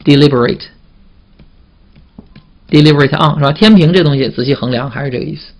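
Man, teacher, vocabulary lesson, slightly high voice, call-and-response questions. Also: creaky, a little mellow. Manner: repetitive, drawn-out "啊" fillers and call-and-response questions. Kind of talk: classroom vocabulary lecture.

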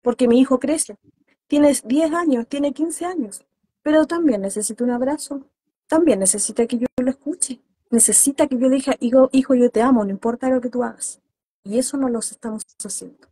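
Earnest woman, husky and dry. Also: sits high, a little fast, warm tone, no room sound. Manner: earnest, emphatic, acts out parents and children. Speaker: guest therapist. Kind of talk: interview on parenting.

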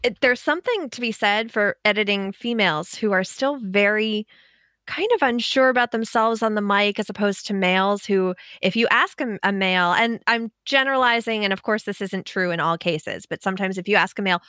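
Bright-voiced woman with whistling S's. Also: medium pitch, brisk, no room sound, clean studio sound. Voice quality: whistling S sounds. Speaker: podcast guest, audio editor. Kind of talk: casual podcast interview chat. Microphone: dynamic mic angled from the side with pop filter and windscreen, online call.

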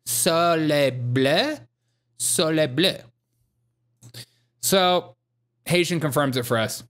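A man's voice: on the high side, lively intonation, fairly bright tone. A man in his thirties giving sarcastic, mocking comedic news commentary from a small room, speaking into a desk microphone. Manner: mocking, laughing, drawn-out spelling. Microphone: desk microphone on camera.

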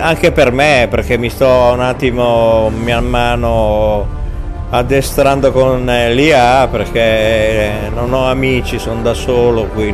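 A man hosting a casual gameplay video from home, talking in a halting way with many fillers. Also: medium pitch.

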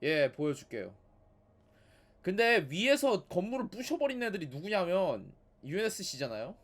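A man's voice: sits high, very animated, normal speed. A man giving casual, sarcastic commentary as he plays a game, nagging and talking back at the characters. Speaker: gaming video host.

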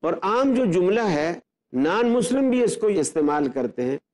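A man speaking as an Islamic scholar, explaining belief in an earnest, step-by-step way. His voice sits a little high but sounds dark and mellow, and he often poses rhetorical questions to make his case. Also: big pitch swings, normal speed. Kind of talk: religious explanatory talk.

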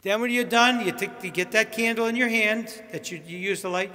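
A man's voice: high-pitched, brisk, pushed and bright. A man, a priest, walking a wedding party through their rehearsal, giving chatty directions with joking asides. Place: large church. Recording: long church reverb.

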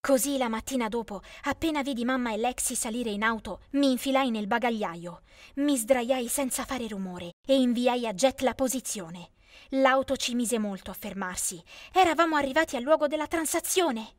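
A woman giving scripted first-person storybook narration in a steady storytelling manner. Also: a little high, normal speed, dry recording, studio quality.

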